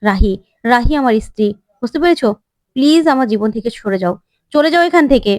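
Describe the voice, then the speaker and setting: Young husband, bitter and rejecting, voiced by a woman storyteller, fairly high voice, dry sound. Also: animated, fairly quick, no room sound, lightly acted. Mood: angry. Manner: pleading, then sharply rejecting. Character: young husband, angry and anguished.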